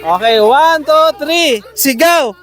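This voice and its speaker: A man hosting games for schoolchildren outdoors, coaxing and counting down with animated energy. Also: very high voice, a little slow. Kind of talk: lively outdoor game hosting.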